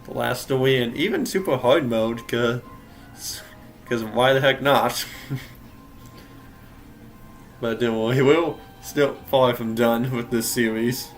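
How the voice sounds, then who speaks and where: A man's voice: medium pitch, slow, pauses often, soft background music. A young man giving casual gameplay commentary, rambling and correcting himself, often laughing. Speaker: game streamer.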